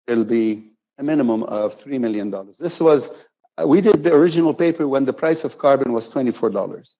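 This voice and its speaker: A man gives a keynote talk at a conference, relaxed and good-humored, restarting phrases as he goes. His voice is mellow and warm, sitting at an ordinary middle pitch. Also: fairly quick, poor audio. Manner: conversational and playful, with self-corrections. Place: conference hall.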